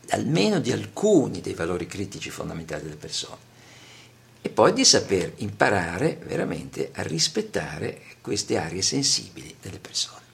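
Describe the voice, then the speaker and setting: A male lecturer with a low, gravelly voice whose pitch rises and falls in a lively way. He speaks in a measured manner, pausing often and filling gaps with hesitant "eh" sounds as he explains. Faint background ambience sits under his voice. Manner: measured, with frequent pauses and "eh" fillers. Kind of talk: spoken lecture.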